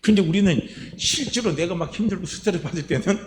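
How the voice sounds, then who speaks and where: A man's voice: high voice, fast, slight background noise. A man preaching a sermon as a pastor, repeating phrases and building into emphatic declarations. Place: church sanctuary. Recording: echoey church hall, faint ambience.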